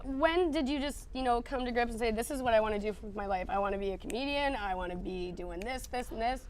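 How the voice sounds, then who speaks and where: A woman's voice: on the high side, fast talker, a little hiss or hum. A woman interviewing a comedian in a casual, teasing, giggly way.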